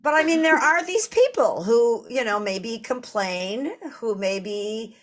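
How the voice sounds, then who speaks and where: A woman's voice: a little high, lively intonation, slow. A woman in her sixties with a Boston accent, co-hosting a live podcast, telling stories with playful asides. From Boston area, US. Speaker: podcast co-host.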